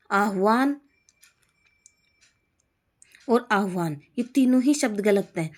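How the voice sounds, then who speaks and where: Slow, high-voiced Hindi teacher woman. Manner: slow, repetitive drilling of correct and wrong spellings. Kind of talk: exam-prep spelling lesson.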